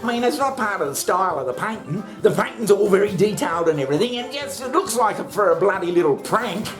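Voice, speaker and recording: A man rants in a casual, comic way, blunt and sweary, with plenty of fillers and laughter. Music plays clearly underneath him. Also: high-pitched, expressive, fast talker. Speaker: commentator on the show.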